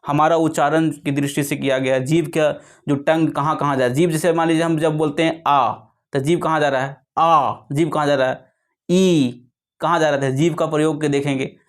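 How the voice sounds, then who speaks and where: A man's voice: on the high side, level tone, a little fast. A man teaching a lesson, explaining step by step with frequent repetition and self-correction.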